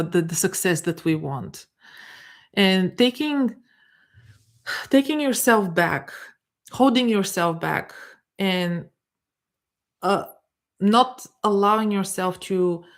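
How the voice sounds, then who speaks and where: A middle-aged woman with a Bulgarian accent gives a live coaching talk, speaking haltingly and without a script, restarting and repeating words while searching for them. Her voice is on the low side.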